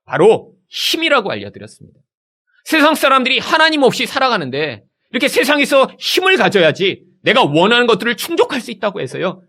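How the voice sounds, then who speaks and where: A middle-aged male pastor preaches a sermon in church, speaking a little fast in a high, lively voice. When he acts out the people in his stories, his pitch swings widely.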